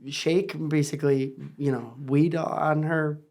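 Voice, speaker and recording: A woman's voice: low voice, fairly even intonation, takes it slowly, a little mellow. A woman hosting a reaction show, giving casual commentary on a video. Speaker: host of a lawyer reaction show.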